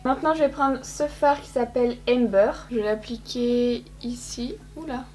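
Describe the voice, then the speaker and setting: A beauty vlogger, a young woman, chats casually with viewers while walking them through her eye makeup, teasing herself along the way. Her voice is on the high side and darkish in tone, at a normal speed.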